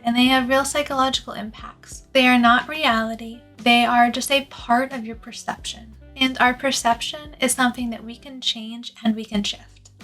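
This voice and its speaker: A woman's voice: fairly high pitch, fairly bright tone. A woman giving scripted personal development advice to viewers in an earnest, articulate productivity YouTuber style, stressing key words. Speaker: self-improvement YouTuber.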